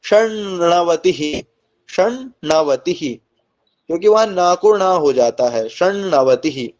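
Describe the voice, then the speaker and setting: A man teaching Sanskrit numbers in an online coaching class, reciting slowly and deliberately and often checking in with his students. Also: a little high, expressive, a little mellow. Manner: slow, deliberate recitation with frequent "ठीक है?" checks. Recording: slightly dull lo-fi recording.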